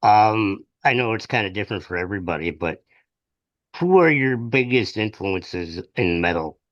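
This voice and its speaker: Very deep-voiced man hosting, dry lo-fi. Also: normal speed, dry recording. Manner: relaxed, hesitant with ums. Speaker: podcast host. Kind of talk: casual interview. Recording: dull dry lo-fi sound.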